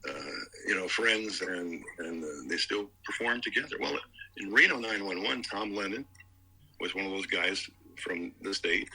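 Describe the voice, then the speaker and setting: A man's voice: low-pitched, moderate pace, pushed and bright, husky, poor audio. An older man, a voice actor, chatting in an interview and telling stories, now and then slipping into character voices. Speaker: voice actor guest. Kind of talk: casual interview.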